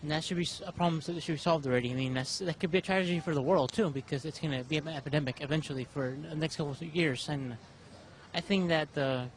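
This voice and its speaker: A man's voice: fairly high pitch, quick pace, slight background noise, rough recording. A man giving spontaneous interview answers in an earnest, polite way.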